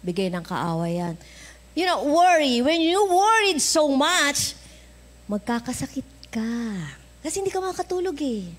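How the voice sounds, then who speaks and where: Filipino woman pastor, high voice, lively storyteller who acts out dialogue. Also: a little slow. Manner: animated storytelling, acting out dialogue, laughing often. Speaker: preacher. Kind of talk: sermon. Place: church.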